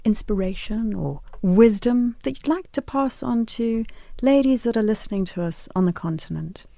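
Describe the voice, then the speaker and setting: A woman's voice: a little high, moderate pace, gravelly, dark tone, no echo, studio quality. A woman hosting a radio interview show, polished and affirming as she wraps up with her guest.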